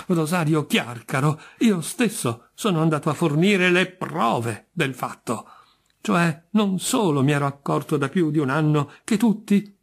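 A man's voice: fairly high pitch, pitched above the performer's own voice. A man doing a fierce, indignant jinx. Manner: indignant, insistent, sharply emphatic. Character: grim, touchy middle-aged man branded a jinx.

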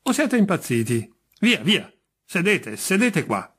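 A man's voice: sits high, sing-song, unhurried, a bit bright, slightly rough, voice pushed up, heavily acted. A man doing a patient, bemused judge. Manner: patient, mildly coaxing. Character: patient, bemused middle-aged male judge.

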